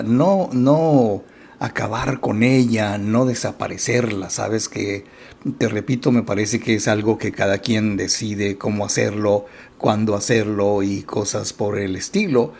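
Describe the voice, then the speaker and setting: A man hosting a reflective self-help talk show, speaking in an unhurried, thoughtful way with many pauses and soft "mm" fillers and putting gentle questions straight to the listener. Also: fairly low pitch, fairly even intonation, creaky, husky.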